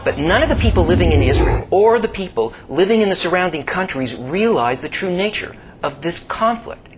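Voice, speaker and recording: A man giving slow, scripted documentary-style narration, swinging between hushed low passages and emphatic rises. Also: crowd noise. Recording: steady background hiss.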